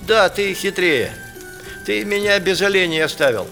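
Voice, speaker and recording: A man's voice: sits high, animated, moderate pace, sharp tone, soft background music, pitched above the performer's own voice, full character voice. A storyteller voicing a boastful man who thinks he is the cleverest of all. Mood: humbled.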